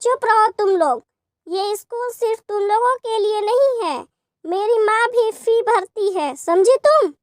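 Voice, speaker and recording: A woman's voice: very high voice, expressive, measured pace, dry recording, clean studio sound. A woman voicing a sad, stubborn young schoolgirl in a cartoon story. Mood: upset.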